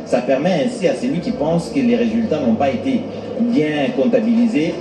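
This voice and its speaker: A man giving live commentary on an election in deliberate, analytical phrasing. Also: medium pitch, roomy sound, distant mic, background noise. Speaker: news commentator.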